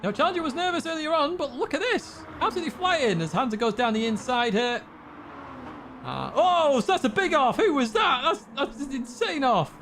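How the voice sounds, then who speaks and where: Male sim-race caster, high and very animated, chatty, faint game noise behind. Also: a little fast. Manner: excitable, chatty, laughs along. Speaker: race commentator. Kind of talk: live sim racing commentary.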